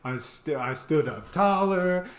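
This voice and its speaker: A man with a fairly high voice speaks slowly, hosting as he tells a casual, comedic story from his own life. He's animated, acting out quoted lines and sound effects along the way, and the recording sounds echoey and roomy.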